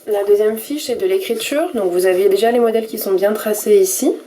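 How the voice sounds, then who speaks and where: A woman teacher giving a recorded reading lesson to young pupils, sounding out each letter and syllable slowly and with care. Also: medium pitch, noisy background. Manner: slow and careful, spelling out letters and syllables one by one. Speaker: primary school teacher.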